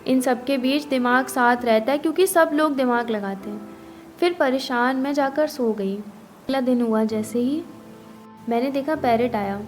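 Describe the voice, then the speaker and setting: A woman's voice: sits high, unhurried. A young woman narrating her own reflective story in first person, voicing the other characters in her own voice. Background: faint music.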